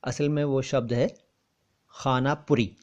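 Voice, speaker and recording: A man teaching a pronunciation lesson, explaining words carefully and repeating them slowly so the contrast is clear. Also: medium pitch, steady tone, darkish tone, muffled recording. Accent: Hindustani with careful Urdu pronunciation. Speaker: language teacher.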